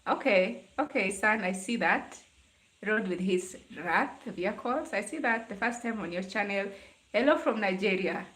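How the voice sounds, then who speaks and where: A young adult woman with a Kenyan accent hosts a casual live chat, greeting and answering commenters conversationally. Her medium-pitched, fairly bright voice is animated and moderately paced, and the stream sounds roomy and echoey.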